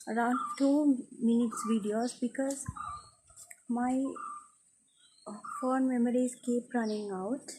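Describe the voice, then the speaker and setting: A woman with a fairly high voice talks casually as she films a nature vlog in a garden. She speaks slowly, in short halting phrases with room between them. Wind hits the phone mic clearly and birds chirp behind her. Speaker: vlogger. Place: outdoors in a garden on a windy day. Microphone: handheld phone.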